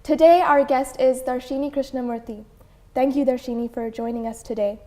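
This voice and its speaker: A young woman hosts a community interview with a fairly high but mellow voice. She speaks softly and gently, and she keeps her guest going with quiet murmurs of agreement. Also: fairly even intonation, fairly quick. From Canada. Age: young adult. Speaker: host.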